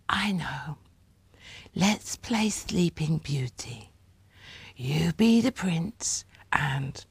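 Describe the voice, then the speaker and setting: A woman voicing a spoilt, bossy little girl with a lisp, in a hushed whispered role-play within a storybook reading. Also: low-pitched, lively intonation, drawn-out words, dry recording, heavily acted. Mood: coaxing whisper. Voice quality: lisping. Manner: breathy, hushed and coaxing.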